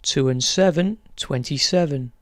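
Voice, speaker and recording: A bingo caller announcing numbers in measured, formulaic set phrases. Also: mid-range voice, no room sound, clean studio sound.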